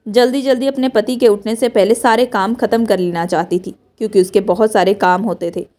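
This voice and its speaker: A woman narrating a first-person emotional story in a soft, earnest, subdued way. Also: medium pitch, fairly even intonation, fairly quick.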